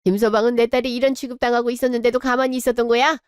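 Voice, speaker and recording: A woman's voice: a little high, little pitch movement, racing, smooth, no echo, studio quality, close to an everyday voice. A woman voicing a middle-aged mother in a radio drama, indignant and protective of her daughter. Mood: outraged. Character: bride's mother, protective and outraged.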